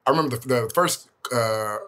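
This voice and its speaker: A man on a panel who talks haltingly, restarting often as he works out his question. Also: medium pitch, a bit bright. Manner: halting, many restarts and fillers while forming a question. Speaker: panel guest. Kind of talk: panel discussion.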